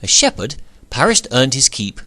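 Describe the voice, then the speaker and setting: Lively man reading rhyming verse. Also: mid-range voice. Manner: measured, expressive verse reading. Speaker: narrator. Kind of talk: rhyming storybook narration.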